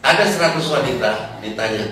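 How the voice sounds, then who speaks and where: Male preacher, comic storyteller, mid-pitched voice, roomy echoey hall. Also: lively intonation, fast. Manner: joking storyteller, rhetorical questions. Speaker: Islamic preacher. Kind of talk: humorous sermon to a congregation. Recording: echoey hall, distant mic, crowd. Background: audience laughter.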